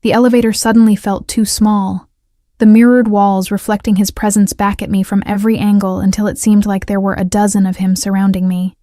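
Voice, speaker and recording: Even-toned woman reading a romance. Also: medium pitch, no room sound, studio quality. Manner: measured, steady storytelling. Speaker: audiobook narrator. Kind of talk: first-person romance narration.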